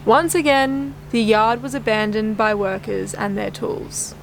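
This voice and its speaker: A woman's voice: fairly high pitch, steady tone, a little slow, gravelly, a little hiss or hum. A woman co-hosting and narrating a sailing vlog in a plain, upbeat, matter-of-fact way.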